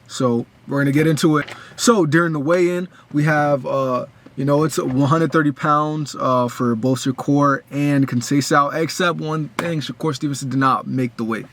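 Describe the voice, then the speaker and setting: A man's voice: on the high side, steady tone, normal speed, a bit bright, slight background noise. A young man giving a casual, rambling breakdown of a boxing match as a fan, full of restarts and fillers.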